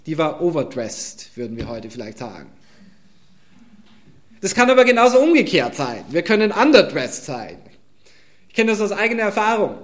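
Preaching in a fairly high, slightly bright voice with big pitch swings, this pastor speaks at a moderate pace with long pauses. He directly addresses his congregation while emphatically unpacking a Bible passage in his sermon.

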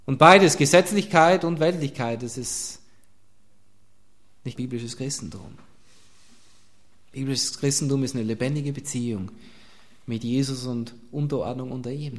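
A man preaching a sermon, earnest and emphatic, asking his listeners direct questions and dropping to a quiet voice at times. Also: medium pitch, moderate pace.

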